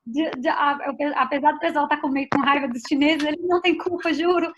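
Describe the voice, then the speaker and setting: A woman's voice: high-pitched, steady tone, a little fast, background noise. A Brazilian woman scientist giving a casual online talk, chatty, tagging her sentences with little questions. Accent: Brazilian Portuguese. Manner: chatty, frequent "tá?" and "né?" tags. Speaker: invited scientist speaker. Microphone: video call. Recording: dull lo-fi video call audio.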